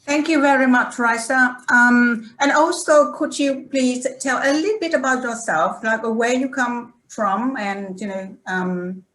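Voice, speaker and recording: A woman moderating an online student panel, speaking haltingly with many fillers and restarts over a video call. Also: a little high, a bit bright. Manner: halting, strings of "you know" and restarts. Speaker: webinar host. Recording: roomy echo.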